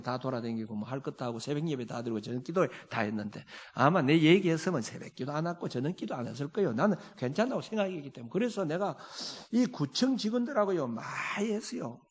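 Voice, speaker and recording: A middle-aged man preaching a sermon as pastor. His delivery is emphatic, swinging between loud exhortation and quiet storytelling. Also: fairly high pitch, slightly rough. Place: church sanctuary. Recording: long hall reverb in a church.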